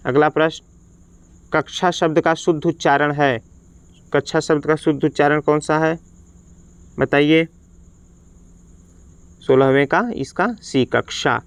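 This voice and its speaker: A man's voice: fairly high pitch, clean tone, dry recording. A man teaching as a Hindi teacher, reading out exam practice questions and their options one by one, then giving the correct answer.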